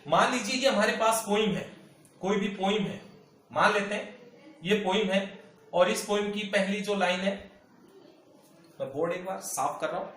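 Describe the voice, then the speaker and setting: A man with a high-pitched voice leads a whiteboard lesson, repeating each example word slowly and patiently. He stands some distance from the mic in a room with a noticeable echo. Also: fairly bright tone. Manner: patient and repetitive, drawing out example words. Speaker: English teacher. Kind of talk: whiteboard lesson explaining step by step. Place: classroom with a whiteboard.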